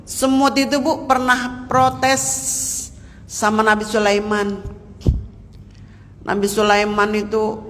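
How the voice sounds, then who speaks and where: A man's voice: high-pitched, a bit bright. A man giving a folksy sermon to a women's study group in a mosque, speaking directly to his listeners. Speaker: preacher. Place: large mosque hall. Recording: long reverb of a mosque hall.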